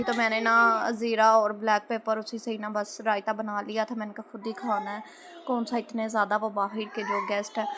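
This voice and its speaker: A woman's voice: a little high, very noisy. A Pakistani woman with a Pakistani Urdu accent, chattily narrating her housewife vlog as a voice-over from a room at home. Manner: chatty, storytelling, frequent filler particles. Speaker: housewife vlogger. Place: indoor room, no fan running. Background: children playing and shouting.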